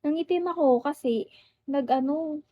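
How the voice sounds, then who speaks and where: A woman's voice: high-pitched, moderate pace, muffled recording. A young woman with a Filipino accent chatting casually on a live stream and greeting viewers by name.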